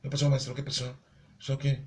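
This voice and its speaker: A man's voice: mid-range voice, completely flat delivery, fast talker, natural voice. A man voicing Simon Peter as a casual, bemused disciple answering his teacher.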